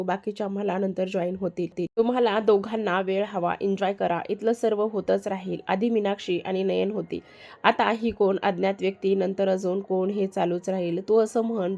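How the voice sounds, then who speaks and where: A calm young elder brother from a spoken storybook, speaking with quiet, even warmth, as a woman reads him. He stays gentle and steady, teasing only softly. The tone is mellow and unhurried. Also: mid-range voice, creaky, close to an everyday voice.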